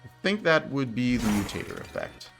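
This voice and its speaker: A man's voice: mid-range voice, huge pitch swings, moderate pace, creaky, music in the background. A man co-hosting a gameplay stream, explaining how the game works in a light, joking way. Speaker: stream co-host. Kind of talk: casual gameplay chat.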